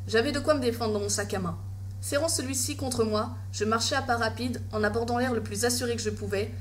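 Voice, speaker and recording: A woman's voice: a little high, slight background noise. A woman reading a scripted first-person horror story as its narrator.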